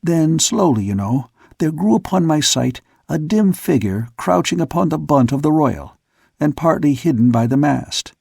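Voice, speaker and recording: Gravelly, husky male audiobook narrator. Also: a little high, moderate pace, no room sound, studio quality. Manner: steady storytelling. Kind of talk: scripted narration.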